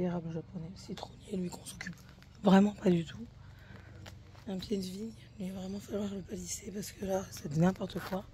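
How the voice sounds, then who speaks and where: A woman's voice: lowish voice, warm tone, slight background noise. A woman chatting casually to her phone camera outdoors in a garden, swearing freely and getting heated as she talks. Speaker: vlogger.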